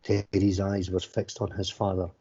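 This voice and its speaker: A man narrates a bedtime story, reading aloud stiffly in a fairly low, flat voice. The tone is a little husky, and the recording sounds slightly dull. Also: moderate pace.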